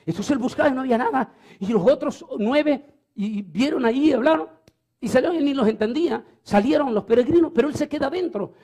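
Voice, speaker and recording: A man's voice: very high-pitched, expressive, fast, warm tone. A man preaching a storytelling sermon, fervent and repeating phrases for emphasis.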